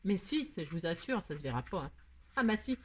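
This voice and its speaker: A woman's voice: on the low side, very animated, fairly quick, breathy edge. A middle-aged woman hosting a crafting tutorial, chatting, rambling and joking at herself as she works. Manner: rambling, self-mocking, talks to herself while working.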